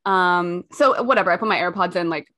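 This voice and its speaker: A woman's voice: on the low side, fairly quick, pushed and bright. Hungover young woman podcaster. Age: young adult. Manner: candid, self-mocking storyteller; casual, swears freely. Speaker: podcast co-host. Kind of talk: casual podcast chat.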